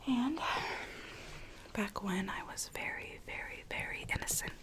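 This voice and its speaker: Woman playing a slow, whispering Alice from Wonderland. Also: mid-range voice, expressive, lightly acted. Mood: weary, confiding. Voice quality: soft, breathy whisper. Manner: slow, hushed, repeats words soothingly. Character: Alice from Wonderland, weary, rogue, gently coaxing young woman. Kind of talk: whispered ASMR roleplay.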